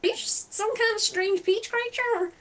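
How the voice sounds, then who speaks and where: A woman's voice: high-pitched, normal speed. A woman voicing a stern, folksy nanny who insists on her innocence in a drawling, stubborn way. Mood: bewildered.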